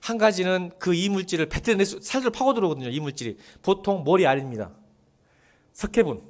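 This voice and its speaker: A man preaching a sermon as pastor, asking the congregation rhetorical questions and swinging between soft, low lines and loud ones. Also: expressive, fast.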